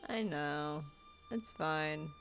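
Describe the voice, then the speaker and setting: A woman's voice: sits low, extremely slow, fairly bright tone, smooth. Laid-back woman streamer chatting over a game. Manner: laughing, playful, hums and sings along. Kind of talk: casual gameplay chat. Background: faint game music.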